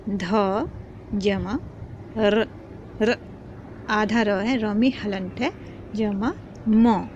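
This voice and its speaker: A woman teaching parents a spelling lesson, speaking slowly and patiently and repeating each sound. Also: medium pitch, darkish tone. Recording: dull lo-fi with faint noise.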